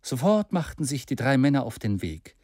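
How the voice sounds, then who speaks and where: An expressive male audiobook narrator delivers scripted narration at normal speed and medium pitch. The studio-quality recording has no room sound.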